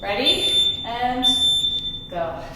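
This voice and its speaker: Woman workout instructor, unhurried pace, encouraging cues, slightly winded, distant microphone. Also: on the high side, very animated. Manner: encouraging, calling out brief commands and countdowns. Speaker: fitness instructor leading a Tabata workout. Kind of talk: live workout coaching with short cues and demonstrations. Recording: echoey room, distant mic, noisy.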